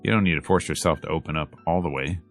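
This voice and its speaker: A man with a low voice talks fast as he reads a visual novel's story and lines out loud, streamer-style. It's a relaxed, slang-filled let's play, with faint background music.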